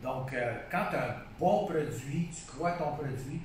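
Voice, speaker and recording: A man's voice: on the high side, measured pace. Echoey, distant Québécois man. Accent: Québécois French. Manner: enthusiastic, repeats phrases, restarts often. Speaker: painter being interviewed. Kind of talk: casual conversational interview. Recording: distant echoey room sound with faint noise.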